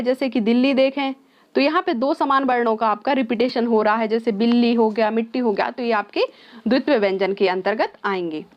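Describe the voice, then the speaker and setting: A woman teaching an exam-prep lesson who mixes English words into her explanation. She asks her own questions and then answers them. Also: high-pitched. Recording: slightly dull, lo-fi sound.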